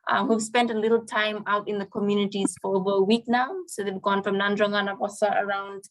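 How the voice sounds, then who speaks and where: A woman moderates an online panel. Her pitch sits in a middle range and moves little. She speaks politely and with measured formality as she recaps and hands over. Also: little pitch movement, rough recording. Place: online video call.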